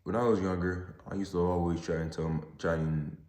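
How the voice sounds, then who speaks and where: A young man talking casually and haltingly on his own as a podcast host, recorded in a parking garage. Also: deep voice, steady tone, darkish tone. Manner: halting, repeats and rephrases himself. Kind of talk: casual solo monologue. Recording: echoey garage.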